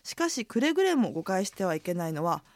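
A woman's voice: mid-range voice, very animated, fast talker, darkish tone, dry recording. A woman from Toyama, an inn hostess co-hosting a radio language lesson, guiding the talk with comments. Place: radio studio.

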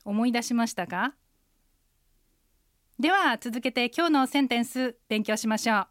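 A woman co-hosting a radio language lesson, speaking clearly and carefully and repeating sounds for learners. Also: on the high side, normal speed, fairly bright tone, dry recording, studio quality.

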